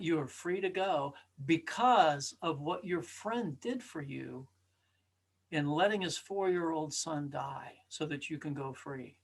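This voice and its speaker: A male storyteller with a high voice tells a parable earnestly and dramatically. His delivery is emphatic, and he acts out the dialogue.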